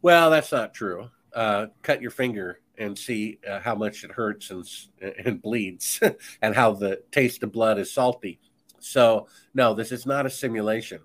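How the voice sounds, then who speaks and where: A man's voice: fairly low pitch, a little slow, fairly bright tone. A man speaking as a guest author in a podcast conversation, talking in an emphatic, insistent, preachy way.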